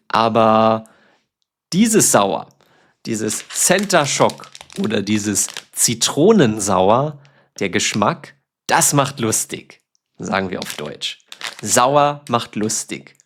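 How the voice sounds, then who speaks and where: Slow, patient male German teacher. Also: lowish voice. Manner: explains words patiently with examples, warm. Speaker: German teacher, podcast host. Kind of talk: slow, clear teaching talk.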